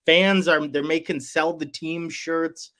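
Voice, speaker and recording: A man's voice: on the high side, fairly even intonation, takes it slowly, sharp tone. Rambling man breaking down hockey bets. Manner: rambling, hesitant, many fillers. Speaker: co-host. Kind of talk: casual sports betting chat.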